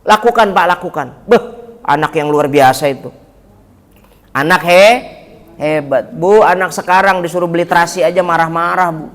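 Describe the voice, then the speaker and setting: Joking preacher with a high voice. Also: male voice, normal speed, long pauses. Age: 40s. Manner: joking, talks straight to the congregation. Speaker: Islamic preacher. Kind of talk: humorous mosque sermon. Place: mosque.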